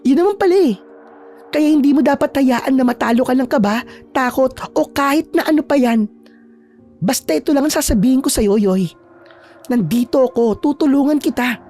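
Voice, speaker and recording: A woman voicing a feisty young woman who is a loyal friend, talking in a brisk, scolding but reassuring way. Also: high-pitched, warm tone, soft background music. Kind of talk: storytelling with acted dialogue.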